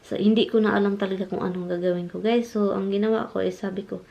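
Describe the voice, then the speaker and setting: Chatty Filipina vlogger with a Bisaya accent. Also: female voice, mid-range voice, steady tone, fast, vocal fry, warm tone, dull audio. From Philippines. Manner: chatty, mixes English into Tagalog, addresses viewers as guys. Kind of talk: casual storytelling vlog.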